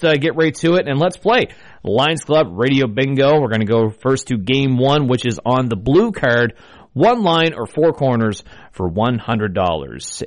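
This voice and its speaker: A man working as a radio bingo caller, announcing live from a studio in a formulaic, repetitive calling manner. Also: mid-range voice. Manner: repeats each call, formulaic.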